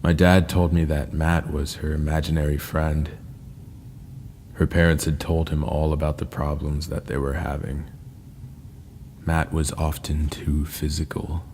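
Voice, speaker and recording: A man narrating scary first-person stories in a slow, ominous storytelling manner. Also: extremely low pitch, flat delivery, a little mellow. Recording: long reverb with faint ambient noise.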